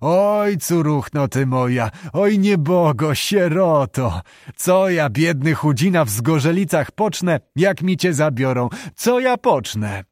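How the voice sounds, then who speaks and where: Man putting on a hearty old squire, tipsy, booming, animated swings, dry studio. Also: unhurried, no echo. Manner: loud, hearty, rustic. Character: jolly tipsy older male nobleman, boisterous father.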